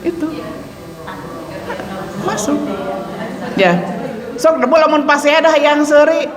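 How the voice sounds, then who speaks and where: A woman religious teacher with a Sundanese accent gives a Ramadan lesson on Quran recitation in a mosque hall, her high voice slow and fairly even in intonation. She's playful, laughs often and mixes in local words, with crowd noise and long reverb in the echoey hall.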